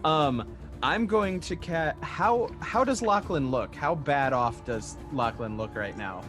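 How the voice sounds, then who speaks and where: A man's voice: a little high, expressive, takes it slowly, a bit bright. A man playing a tabletop game, chatting casually and hesitantly as he thinks his moves through aloud. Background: music.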